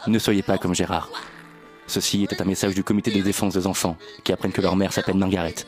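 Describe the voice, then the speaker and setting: A man reading an absurd mock public service announcement in a flat, serious announcer's tone on student radio. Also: low-pitched, fast talker, soft background music. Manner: deadpan mock-announcer delivery. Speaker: radio co-host.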